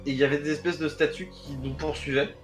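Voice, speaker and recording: A man's voice: fairly high pitch, flat delivery, fast talker, soft background music, close to an everyday voice. A man voicing a bewildered woman from London who insists she is a victim, talking in a stumbling, defensive way in a tabletop game. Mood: confused.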